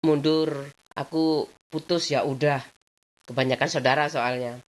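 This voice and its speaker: Lady vlogging, low voice, rambly chatty storytime, keeps saying the same filler stuff. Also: steady tone, measured pace. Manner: chatty, rambling, repeats filler phrases often. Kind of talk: casual personal storytelling.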